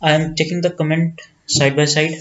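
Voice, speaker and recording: A man with an Indian accent teaching accounts, working step by step through an exam problem and deliberately repeating phrases. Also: fairly high pitch, flat delivery, a bit bright, highs cut off.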